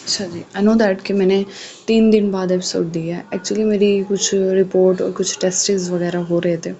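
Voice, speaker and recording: A woman narrates a romance novel aloud in an even, unhurried way. Her voice is mellow and mid-pitched. The recording is dull and lo-fi, with a faint hiss underneath.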